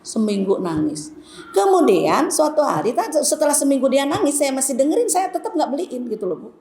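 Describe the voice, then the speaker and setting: A woman's voice: high-pitched, sing-song, fairly quick, warm tone. A middle-aged woman gives a conversational Islamic lecture to women, telling stories and addressing them directly. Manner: chatty, storytelling, addresses the women as "Bu". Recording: echoey hall, faint background noise.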